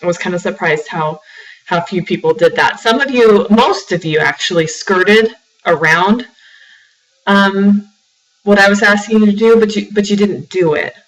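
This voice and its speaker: Recorded from a distance with the highs cut off, a woman writing instructor lectures her class at a moderate pace in a mid-range voice. Her throat sounds sore and slightly froggy, and she restarts often, repeating words amid plenty of "um"s.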